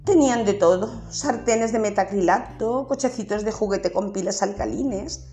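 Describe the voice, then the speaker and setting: Woman, storyteller, children's story reading, playful, sing-song, medium pitch, faint background music. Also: moderate pace, mellow.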